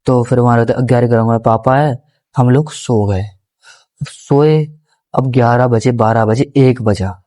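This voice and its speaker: Speaking at a measured pace in a mellow, mid-range voice, a young man on a podcast tells a personal story in a casual, earnest way. He rambles, restarts, and repeats phrases, and respectfully keeps calling the host guruji.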